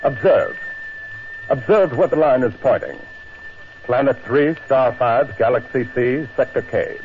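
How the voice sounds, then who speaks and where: An actor playing a calm, commanding alien space captain in a 1950s radio drama, with formal, measured delivery. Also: male voice, mid-range voice, lightly acted. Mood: grave explaining. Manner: formal, measured, authoritative declarations. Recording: muffled, noisy 1950s radio recording.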